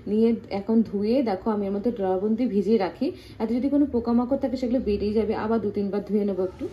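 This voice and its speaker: A woman's voice: medium pitch, quick pace, dull audio, a little hiss or hum. A young woman from Bengal, chatting to her viewers in a casual home vlog while she cooks in her kitchen. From Bengal, living away. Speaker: family vlogger. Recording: echoey kitchen with faint ambience.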